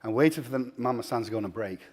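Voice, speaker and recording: His mid-range voice is expressive and slightly rough as he gives a heartfelt acceptance speech for an award honoring his charity work. He stops and starts many times, alternating between emphatic and gentle moments.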